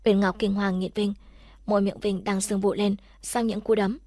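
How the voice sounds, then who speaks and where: Woman storyteller, audiobook narration, mid pitch, dry dead recording. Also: little pitch movement, normal speed, a little mellow, no room sound.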